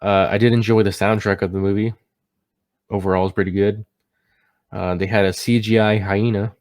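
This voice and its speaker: Tipsy guy w a deep voice doing a casual movie review, kinda stumbling over his words. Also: little pitch movement, moderate pace, a little mellow.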